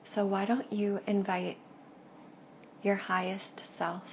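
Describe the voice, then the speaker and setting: A woman who guides meditations and practices Reiki narrates slowly and in a hush, her mid-range voice flat in delivery. Her soothing phrases are drawn out and separated by long pauses. The lo-fi recording sounds dull, with faint background noise.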